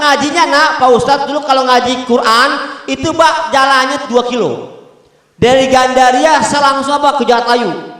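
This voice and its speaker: High-voiced Betawi preacher in an echoing hall. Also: male voice, bright, forceful tone. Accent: Betawi Jakarta. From Jakarta, Indonesia. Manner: joking, talks directly to the audience, chants Arabic verses. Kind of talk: humorous sermon to a congregation. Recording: very echoey hall with long reverb.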